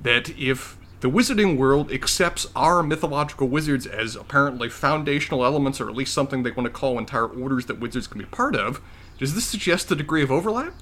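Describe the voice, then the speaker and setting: This is a man in the middle of a relaxed podcast conversation, his voice sitting at an ordinary pitch. He talks with animated conviction and keeps pushing his opinions forward. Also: slight background noise. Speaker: podcast co-host. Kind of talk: casual podcast chat.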